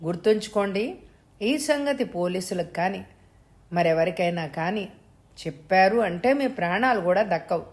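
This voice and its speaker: Calm, mocking male extortionist who threatens a mother by phone; a woman narrator voices him. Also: fairly low pitch, normal speed, lightly acted. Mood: cold menacing. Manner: cold, threatening, mockingly polite. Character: menacing male kidnapper on the phone.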